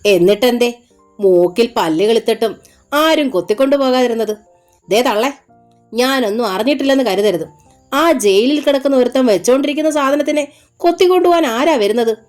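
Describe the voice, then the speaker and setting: Woman putting on a sharp-tongued young wife, mocking, taunting, raised pitch, faint music behind. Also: animated, a little fast, lightly acted.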